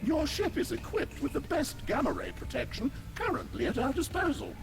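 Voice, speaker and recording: In scripted video game acting, a man voices a fussy, formal alien scientist, delivering verbose, pedantic lines in a very high, sing-song voice at normal speed. His heavily acted tone is earnest and explanatory, and faint music plays in the background.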